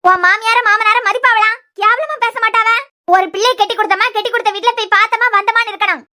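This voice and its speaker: A woman voicing a sharp-tongued, lecturing middle-aged aunt in a cartoon serial, in a Kanyakumari Tamil accent. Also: extremely high pitch, fairly even intonation, fast talker. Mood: scolding. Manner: scolding, lecturing, mocking.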